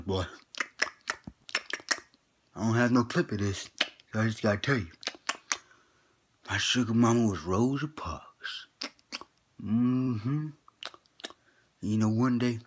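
A man's voice: lowish voice, slightly rough. A man playing a boastful old grandpa who tells tall tales in a folksy, slangy drawl and chuckles between lines. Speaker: comedy skit performer. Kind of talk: comedic character monologue.

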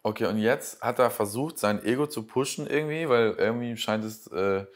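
A man's voice: medium pitch, moderate pace, background noise. A man giving casual reaction commentary, sarcastic and exasperated, rambling as he picks apart what he watches.

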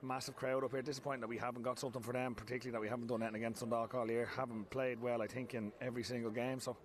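Irish man in his forties, football manager, rapid and candid, stop-start phrasing, recorded pitchside at night. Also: little pitch movement. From Ireland. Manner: frank, repeats himself, many restarts. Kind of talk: post-match interview. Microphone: handheld mic held close.

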